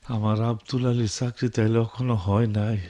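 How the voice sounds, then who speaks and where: A man's voice: mid-range voice, level tone, brisk, warm tone, lightly acted. An actor playing a worried, poor village father waiting for news of his son, speaking rural dialect, in a television drama. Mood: anxious.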